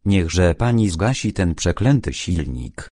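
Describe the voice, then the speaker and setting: A man's voice: low voice, expressive, takes it slowly, darkish tone, no echo, studio quality, exaggerated voice. A man reading as a pompous middle-aged angler. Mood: scolding. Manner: self-important, instructive. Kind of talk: audiobook character reading.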